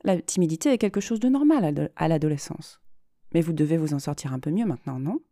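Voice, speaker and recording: A woman's voice: sits low, lively intonation, quick pace, mellow, dry recording, clean studio sound. A woman reading the part of a composed female psychologist who asks questions in a learned, neutral tone. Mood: calm, clinical.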